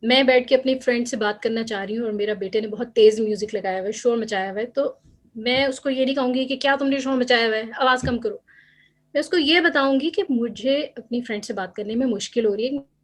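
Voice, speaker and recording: Woman giving an online parenting seminar. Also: fairly high pitch. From Pakistan. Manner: mixes English phrases into Urdu; acts out parents' remarks in quotes. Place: home or office, online seminar. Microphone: computer mic on a video call.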